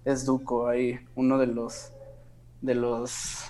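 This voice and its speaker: A man's voice: medium pitch, completely flat delivery, slow, dark tone. A Mexican man as a radio guest, talking in a laid-back way with many fillers. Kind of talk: casual radio interview.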